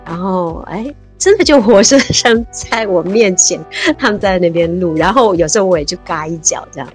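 Chatting casually as an interview guest, a civil servant from Taiwan in her 50s keeps things animated, laughing often and using lots of fillers. Her pitch is fairly low, her pace moderate, and faint music sits behind her.

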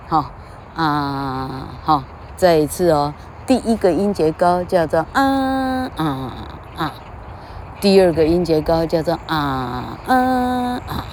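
低沉说教的台湾腔女声. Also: female voice, on the low side, a little mellow, a little hiss or hum. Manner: lecturing, sings out drawn vowels, tags lines with "哈". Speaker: mock English teacher. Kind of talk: comedic mock lesson.

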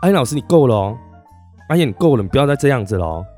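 A man acting out a fussy male venue staffer who keeps telling a colleague to stop and calm down. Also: mid-range voice, racing, soft background music, pitched above the performer's own voice. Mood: nagging. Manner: nagging, pleading, repeating the name.

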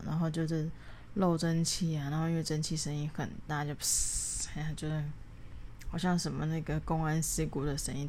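A woman's voice: lowish voice, warm tone, slight background noise. A woman talking alone in a casual late-night monologue, rambling through her stories with frequent restarts and English words mixed in. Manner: rambling, chatty storytelling with many restarts. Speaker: solo podcast host.

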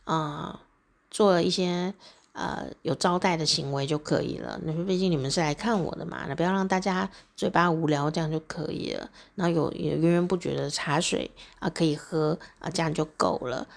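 A woman's voice: sits low, steady tone, normal speed, creaky. A woman hosting a podcast, telling personal stories in a chatty way, laughing often and acting out little conversations. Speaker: podcast host. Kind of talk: personal reflective monologue.

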